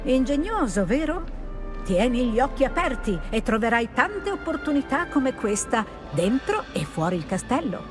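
Older lady magic teacher in a game, brisk n encouraging, high lilting voice, music behind. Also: sing-song. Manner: brisk, articulate, instructive. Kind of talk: video game voice acting.

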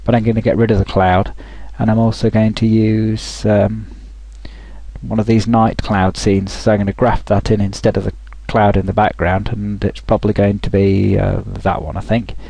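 A man talking through a software tutorial over a screen recording, thinking aloud with frequent restarts. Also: fairly low pitch, level tone, moderate pace, gravelly, breathy edge, no echo, rough recording.

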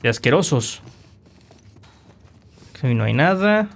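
A man commentating his own gameplay, animated and quick to shout insults at enemies. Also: mid-range voice, creaky, a little hiss or hum. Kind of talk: let's play commentary.

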